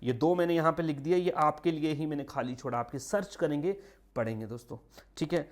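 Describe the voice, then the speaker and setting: A man with a slightly high voice teaches an online geography lecture for exam prep. He repeats key terms, stretches out names slowly for emphasis, drops in quick asides, mixes in English phrases, and says "ठीक है" often.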